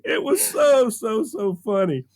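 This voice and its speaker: A man's voice: high-pitched, a little slow, a loud crowd. A middle-aged man with a Southern US accent, telling a funny story on a talk show and acting out the voices with plenty of laughs. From American South. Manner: animated storyteller, acts out quotes, laughs often. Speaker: radio show regular, movie critic.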